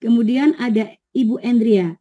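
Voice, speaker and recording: High mellow-voiced woman trainer. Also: normal speed, lo-fi sound. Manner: explains patiently, checks agreement, reads out participants' answers. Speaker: teacher training presenter. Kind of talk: online training session.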